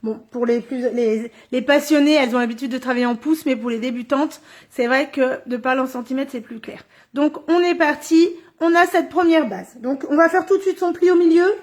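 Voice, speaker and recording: High-voiced chatty woman crafting live. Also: a little fast, a little mellow. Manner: chatty, thinks aloud while working. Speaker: card-making demonstrator. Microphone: phone or camera on a stand.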